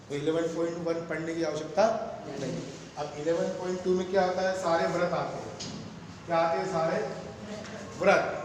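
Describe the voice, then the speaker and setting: A man's voice: high voice, a little hiss or hum. A male math teacher giving a classroom lecture, asking the students questions and answering them himself. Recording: very echoey room with long reverb.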